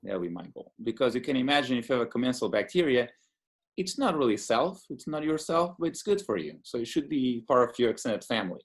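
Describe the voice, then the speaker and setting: With a medium-pitched voice, very animated delivery, and a quick pace, a Portuguese immunologist in his thirties talks excitedly as an interview guest. The chat is casual, and he uses lots of fillers and restarts.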